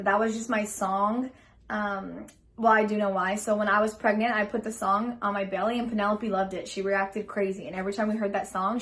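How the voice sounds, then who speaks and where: A woman's voice: medium pitch, fairly bright tone. A young woman casually telling a personal story in a chatty, rambling way, full of fillers, acting out what she said. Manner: chatty and rambling, full of ums and likes, acts out her own lines. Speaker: vlogger telling her birth story.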